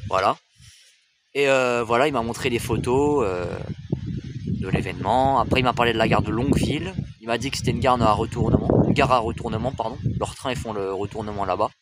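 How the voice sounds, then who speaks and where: Chatty young man vlogging outdoors, loud noise. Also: mid-range voice. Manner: chatty, rambling, often stumbles and corrects himself. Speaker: train-spotting vlogger. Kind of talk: casual face-cam vlog.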